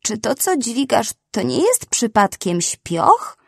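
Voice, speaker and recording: A woman voicing a shaggy male anteater with a very high, squeaky voice. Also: sing-song, slow pace, a little mellow, husky, dry recording, studio quality, exaggerated voice. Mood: hesitant. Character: shaggy, timid, then overjoyed male anteater.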